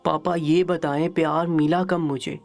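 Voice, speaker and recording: A man's voice: on the high side, flat delivery, gravelly, a little mellow, faint music behind. A man voicing a hurt, tearful young daughter in a storybook reading, with a pained, pleading delivery.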